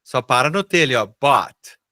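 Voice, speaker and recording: Bright-voiced Brazilian teacher. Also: male voice, on the high side, normal speed, clean studio sound. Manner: explains patiently, repeats words for students to echo. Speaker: English teacher. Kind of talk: live online English class.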